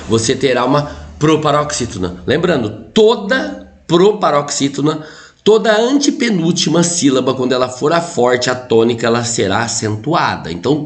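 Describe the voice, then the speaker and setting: A man teaching a Brazilian Portuguese grammar lesson, pointing things out on the board and checking in with his students after nearly every phrase. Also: mid-range voice. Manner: lively, keeps checking in with "tá?" and "ó". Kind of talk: online grammar lesson at a whiteboard.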